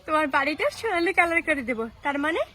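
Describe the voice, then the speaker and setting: A woman playing a sharp-tongued wife in a comic sketch, saying cheeky threats in a sweet tone. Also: high voice, very fast. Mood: mock-sweet.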